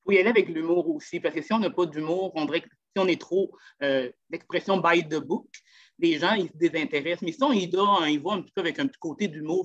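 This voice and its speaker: A man chatting in a quick, easygoing way. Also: on the high side, fairly bright tone, highs cut off. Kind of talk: conversational talk.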